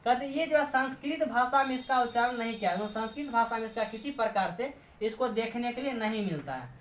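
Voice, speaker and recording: A woman's voice: a little high, lively intonation, a little fast, slight background noise. A woman teaching a class, asking questions and answering them herself, repeating points and checking in with frequent okays. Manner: frequent "okay" checks with students. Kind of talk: classroom lecture. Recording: echoey room, dull lo-fi sound.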